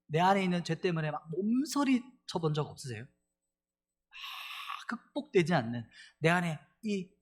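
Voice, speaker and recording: A middle-aged male pastor giving an animated sermon, leading the congregation in reading scripture aloud. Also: a little high, unhurried, a little hiss or hum.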